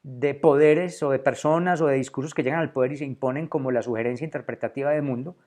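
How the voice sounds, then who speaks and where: In what seems to be a man's solo philosophy lecture to camera, the medium-pitched voice is steady in tone, a little mellow, and quick. He thinks aloud thoughtfully, restarting phrases and repeating words often while looking for the right term.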